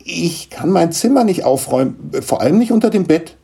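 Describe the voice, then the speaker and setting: A young boy, as a male storyteller puts him on, pitched well up and stumbling over his words in earnest pleading. His voice has a husky grain, with a warm, soft tone. Storybook reading. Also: big pitch swings, normal speed, full character voice. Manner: breathless, stammering pleading. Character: young boy, curious and anxious.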